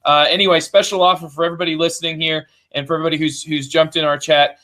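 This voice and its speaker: A man hosting a podcast, chatting casually and enthusiastically, pitching a discount like an infomercial. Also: flat delivery, very fast, sharp tone. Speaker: podcast host.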